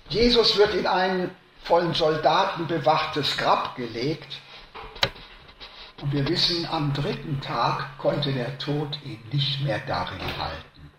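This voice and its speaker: A man preaching a sermon to a congregation, slow and emphatic, rising to loud stresses and dropping to hushed lines. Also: fairly high pitch, expressive, echoey room, background noise.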